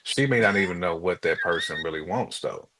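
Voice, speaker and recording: An American man co-hosts a podcast, offering his opinions in casual, slangy, informal chat. His voice is deep and his pace brisk, with a noisy background behind him.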